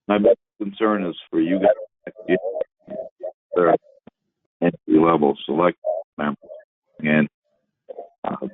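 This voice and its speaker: Very deep man on a breaking-up phone line. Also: dry recording. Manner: halting, many broken-off phrases. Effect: voice breaking up over a phone speaker. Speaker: board member calling in remotely. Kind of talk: town board meeting discussion.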